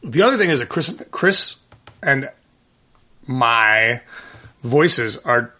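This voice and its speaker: In a laid-back chat, a band's singer appears as a guest and rambles, restarting often and using many fillers. He speaks slowly in a mid-range, sharp-toned voice with lively intonation.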